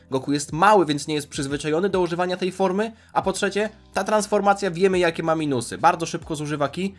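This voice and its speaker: A man giving casual video commentary, chatty and analytical as he weighs fan theories aloud. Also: on the high side. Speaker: YouTube commentator on anime.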